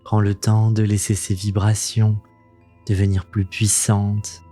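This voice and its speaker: A man leading a guided meditation in a soothing, gentle, intimate voice that sounds close to the ear, unhurried and calming, as the host of the practice. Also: on the low side, faint music behind. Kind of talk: slow guided meditation narration.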